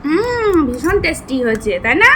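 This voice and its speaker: A woman's voice: sits high, big pitch swings, moderate pace, pushed and bright, slight background noise, poor audio. A young woman with a West Bengal Bengali accent chatting casually to viewers while she cooks and feeds her daughter at home. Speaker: vlogger and mother. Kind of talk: casual home cooking vlog. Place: home kitchen.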